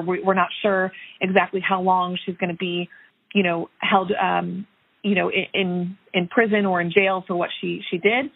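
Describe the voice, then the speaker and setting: Husky lowish woman reporter, lots of ums and restarts, tinny phone-line sound. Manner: conversational, many fillers and restarts. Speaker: investigative reporter. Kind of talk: remote news interview.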